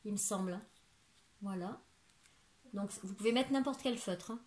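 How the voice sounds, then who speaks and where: A French woman in her forties, a crafting YouTuber, chats casually through a crafting haul in her home living room, with lots of fillers and restarts. Her medium-pitched voice is a little mellow and moves at a moderate pace, and the room is echoey with background noise.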